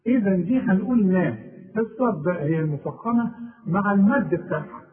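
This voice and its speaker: A man's voice: high voice, expressive, crowd noise. Man, Egyptian accent, recitation teacher, tinny phone-like sound. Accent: Egyptian Arabic. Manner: explains patiently, then recites slowly and drawn out. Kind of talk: tajweed lesson with demonstrations.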